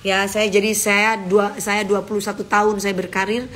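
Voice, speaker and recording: A woman's voice: mid-range voice, flat delivery, normal speed, a bit bright, a little hiss or hum. A woman hosting an Instagram live, chatting casually with her viewers and speaking firmly and emphatically. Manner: firm, emphatic, talks straight to commenters.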